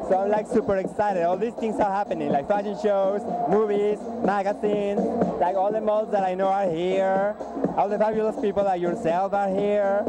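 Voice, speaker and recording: High-voiced man, gushing red carpet chatter. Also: fairly even intonation, moderate pace, rough recording. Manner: gushing, effusive. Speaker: photographer, interview guest. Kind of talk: excited red carpet chat. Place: crowded indoor event red carpet. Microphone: handheld microphone. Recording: loud music over event interview. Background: loud music.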